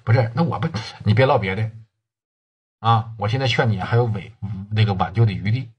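A man's voice: lowish voice, a little fast, breathy edge, highs cut off, pitched below the performer's own voice. A man voicing a slick, evasive man who pushes the blame away and repeats himself to drive the point home. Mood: insistent.

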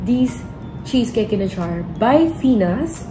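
A Filipino-accented woman talks through a mouthful of food, unhurried and chatty in a casual review. Her voice sits in a roomy, echoey space with clear music playing behind her. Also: fairly high pitch, very animated. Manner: mixes English and Tagalog, enthusiastic. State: talking while eating. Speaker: food vlogger.

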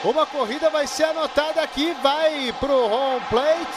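A Brazilian man doing baseball play-by-play as an excited home run call, with shouted, drawn-out phrases. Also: very high-pitched. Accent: Brazilian Portuguese. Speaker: sports play-by-play commentator. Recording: loud stadium crowd behind the voice. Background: roaring stadium crowd.

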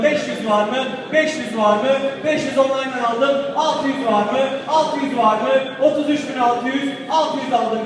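A man working as an auctioneer at a car auction, calling bids in a rapid, insistent, repetitive chant of prices. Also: very high voice. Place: large echoey auction hall. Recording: distant mic in echoey hall with crowd.

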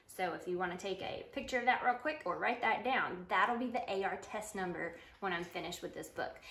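This storytime reader is a mother in her thirties, sitting indoors on the living room couch and expressively reading a children's picture book. She explains the pages and asks the children questions in a voice that's on the high side and a bit bright. The living room adds a roomy echo.

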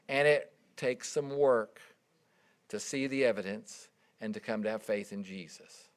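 A middle-aged man preaching a sermon, earnest and emphatic, telling stories with his voice swelling and dropping. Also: medium pitch. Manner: earnest, emphatic, storytelling with rising and dropping volume.

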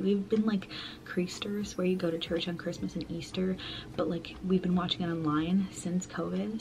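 A woman in her twenties, a vlogger, chats casually to the camera from her small bedroom at home, with some background noise audible. Her voice is fairly low, and she's upbeat, peppering her talk with "like" and "um."

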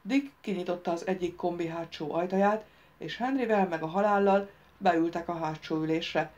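A woman's voice: on the low side, lo-fi sound. Woman reading an audiobook. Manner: reads dialogue lines louder and livelier than narration. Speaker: audiobook narrator. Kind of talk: audiobook narration.

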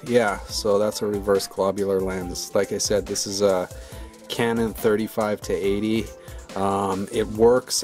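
Low, flat-voiced man rambling casually. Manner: relaxed, rambling, many fillers. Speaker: video maker. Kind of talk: casual voice-over commentary.

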